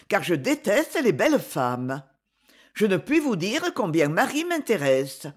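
An intense, eccentric lady who pleads with fervour and lets her voice rise and fall freely, as a woman reads her part aloud. She speaks in an audiobook character voice. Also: mid-range voice. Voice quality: fervent, pleading delivery.

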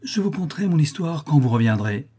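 A man's voice: a little high, very animated, brisk, dark tone, slightly rough, pitched above the performer's own voice. A man voicing Richard, a lazy, nonchalant young charmer, in a raised, airy voice. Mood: nonchalant gallant.

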